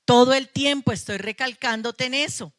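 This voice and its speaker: A woman's voice: sits high, normal speed, fairly bright tone, no room sound, clean studio sound. A middle-aged woman pastor, preaching a sermon with emphatic passion and playful asides to her congregation. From Colombia. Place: church sanctuary.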